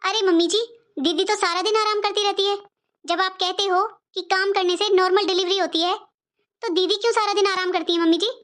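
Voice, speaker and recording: A woman's voice: very high-pitched, fairly even intonation, a little fast, fairly bright tone. A woman voicing a meek young pregnant wife in a cartoon, who talks in a plaintive, pleading way.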